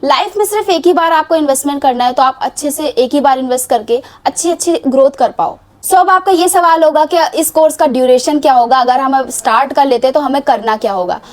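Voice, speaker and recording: Young woman, high voice, persuasive pitch-style vlog delivery, repeats herself. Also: fast talker, few pauses. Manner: persuasive, repetitive, mixes English words into Hindi. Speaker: online course promoter. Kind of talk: casual sales pitch to camera.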